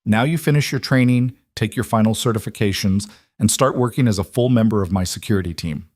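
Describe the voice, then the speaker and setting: A man voicing a calm, dry-witted crime boss who talks in a measured, wry way. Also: on the low side, no room sound, natural voice.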